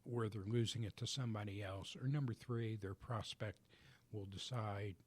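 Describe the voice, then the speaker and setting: A man guest on a business radio show in a studio, explaining his coaching work in a measured, methodical way. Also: fairly low pitch, fairly even intonation. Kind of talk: radio interview answers.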